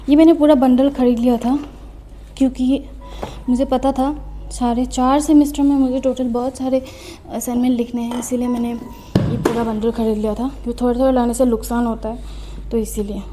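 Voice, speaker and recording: A young adult student vlogger gives a casual desk tour while tidying her desk in her study room at home, against a noisy background. Her voice is a little high and level, at a moderate pace with frequent pauses. She chats, makes fun of herself, uses English phrases and is a bit out of breath.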